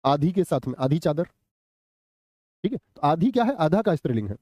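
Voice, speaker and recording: A man's voice: a little high, big pitch swings, moderate pace, darkish tone, no echo, studio quality. A man teaching a live online Hindi grammar class, asking questions, answering them himself and replying to chat comments. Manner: quizzes students, answers his own questions.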